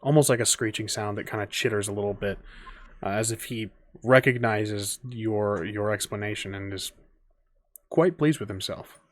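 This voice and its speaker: A man's voice: lowish voice, moderate pace, dry recording. A man narrating as game master of a tabletop game, loose and thinking aloud with many fillers.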